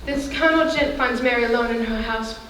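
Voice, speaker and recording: A woman playing a cheerful young Yorkshire housemaid, brisk and down-to-earth in broad dialect, in a live stage play. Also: on the high side, fairly bright tone, a little hiss or hum, lightly acted. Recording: echoey theater, mic far off.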